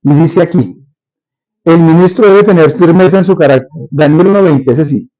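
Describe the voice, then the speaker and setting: A male pastor preaches a sermon, firing rhetorical questions at his listeners. His voice is fairly high for a man and warm, not bright. The recording is slightly dull and lo-fi. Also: moderate pace.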